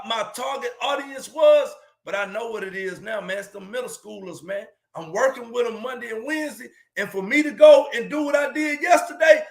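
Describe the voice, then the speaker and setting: A man's voice: very high voice, echoey room. A man speaking as a motivational speaker, telling a personal story casually and emphatically, often saying "man" and "listen". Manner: emphatic, repeats "man" and "listen", gets louder at peaks.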